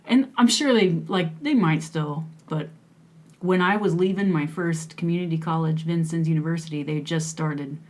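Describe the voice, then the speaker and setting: A young woman hosts a casual interview, speaking in a low voice at a moderate pace. She's chatty and encouraging, often dropping in back-channel responses.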